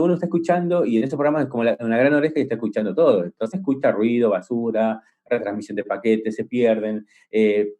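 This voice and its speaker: Speaking in a mellow mid-range voice, a man delivers an enthusiastic technical talk on cybersecurity at a conference. Expect frequent restarts, fillers, and rambling, with ideas illustrated through homely, vivid everyday examples.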